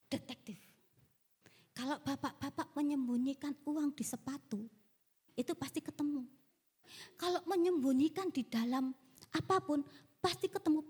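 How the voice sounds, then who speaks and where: A woman's voice: sits high, darkish tone, slightly rough. A middle-aged woman pastor telling stories in a humorous sermon, teasing her congregation playfully. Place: church hall in Bali. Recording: long church-hall reverb.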